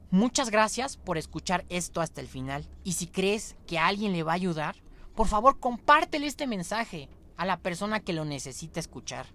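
A man's voice: high-pitched, bright, forceful tone. A young man hosting his podcast, delivering an earnest, exhorting motivational monologue that repeats phrases for emphasis. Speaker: podcast host.

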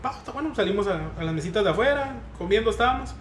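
A man's voice: high voice, animated, racing, reverberant, a little hiss or hum. A man, a barber chatting casually in an interview, slangy and laughing often. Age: 20s.

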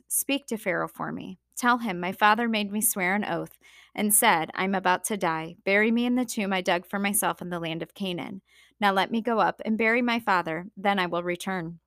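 A woman reading a Bible passage aloud and then giving a devotional talk that asks the listener gentle questions. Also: mid-range voice, no echo, studio quality. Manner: steady unhurried reading with small slips.

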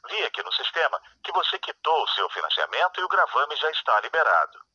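A man's voice: fairly high pitch, very animated, a little fast, bright, forceful tone, husky, dry recording. A Brazilian man reading scripted phone prompts in a polite, informal customer service voice, heard over a telephone line. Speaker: automated bank phone line voice. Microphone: recorded prompts heard over a phone call. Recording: dull telephone-line recording.

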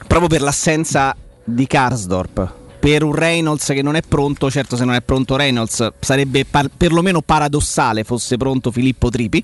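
A man giving analytical football commentary on radio, reasoning tentatively aloud through the options. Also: medium pitch.

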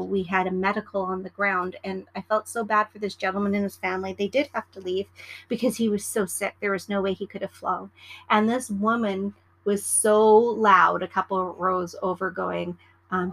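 Woman, middle-aged, casual podcast chat, animated and chatty, plays out passenger exchanges, medium pitch. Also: poor audio. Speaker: podcast host, former flight attendant. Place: at home in the evening.

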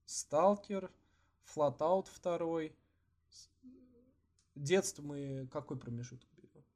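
A man co-hosting a podcast in casual, slangy chat with swearing, halting with many false starts and repeats. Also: on the high side, a little mellow. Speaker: podcast co-host.

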